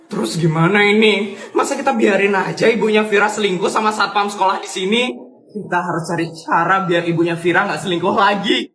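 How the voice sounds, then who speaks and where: A man's voice: high-pitched, brisk, a bit bright, echoey room, a little hiss or hum, voice pushed up. A man playing a gossipy teen schoolfriend. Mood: conspiratorial. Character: chatty worried teenage school friend.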